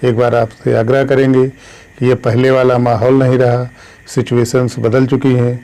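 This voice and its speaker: A man teaching an online English grammar lesson, slowly dictating letters and spellings and addressing his viewers as friends. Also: mid-range voice, level tone, warm tone, poor audio. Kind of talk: classroom-style online lesson.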